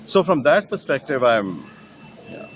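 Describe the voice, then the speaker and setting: A middle-aged painter from Nepal, answering interview questions in a thoughtful way, with many fillers and restarts. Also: male voice, medium pitch, very animated, a little slow, dull audio, background noise. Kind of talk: conversational interview.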